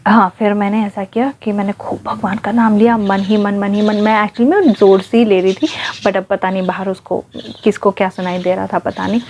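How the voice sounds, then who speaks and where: A woman vlogger casually tells, in the first person, about a ghost experience she had, speaking very softly, almost in a hush. She mixes in English words and often uses fillers like "okay." Her medium-pitched voice comes through dull audio with slight background noise.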